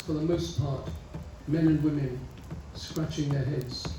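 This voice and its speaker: A man's voice: fairly high pitch, steady tone, a little slow. A man giving an enthusiastic, rambling closing speech at a literature festival. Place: festival venue. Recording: very echoey hall from far off with noise.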